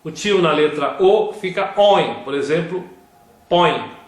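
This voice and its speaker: A man giving a slow scripted grammar lesson, reading word examples one at a time. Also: on the high side, animated. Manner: reads word lists one by one. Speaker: grammar teacher. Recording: very echoey room.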